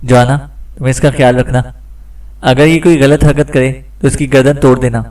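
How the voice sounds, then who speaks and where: A man voicing a cold, sharp-witted male secret agent in an audiobook, cool and commanding. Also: medium pitch, steady tone, moderate pace, recorded from a distance, natural voice.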